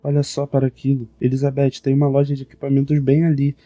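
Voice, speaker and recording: A man's voice: medium pitch, monotone, quick pace, dry recording, muffled recording. A man, narrating a comic recap in a chatty, casual way. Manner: chatty, retells every line himself.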